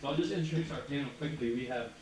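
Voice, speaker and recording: A man moderating a panel discussion in a relaxed, conversational way. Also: mid-range voice, racing, slight background noise. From United States. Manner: relaxed, conversational, informal fillers. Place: large conference hall. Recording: echoey hall from far off with audience.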